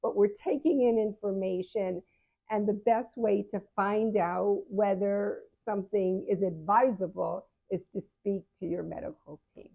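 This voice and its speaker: Steady in tone and measured in pace, a gravelly mid-range voice belongs to a seventy-year-old patient advocate talking casually to camera. She offers her viewers frank advice and frequently corrects herself mid-sentence, heard through a narrow, phone-like recording.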